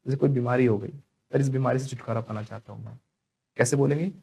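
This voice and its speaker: A man's voice: medium pitch, fairly even intonation, fast talker, creaky, warm tone, husky. A man teaching spoken English to a class, drilling students to repeat phrases after him.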